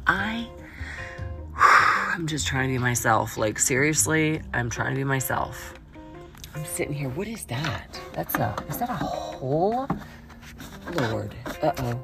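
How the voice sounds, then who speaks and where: A woman hosting a podcast as a rambling monologue, theatrical and playful, with folksy, devout asides muttered to herself and sudden drawn-out declamations. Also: rumbling low, big pitch swings, vocal fry, over music. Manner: folksy, devout, talks to self. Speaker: podcast host. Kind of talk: casual, rambling spoken-aloud monologue.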